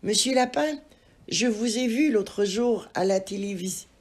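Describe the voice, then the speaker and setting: A woman's voice: mid-range voice, a little slow, darkish tone, lightly acted. A woman voicing a small, ugly, nearsighted male skunk thief in a children's storybook. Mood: wheedling. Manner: gushing, adoring. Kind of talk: storybook reading.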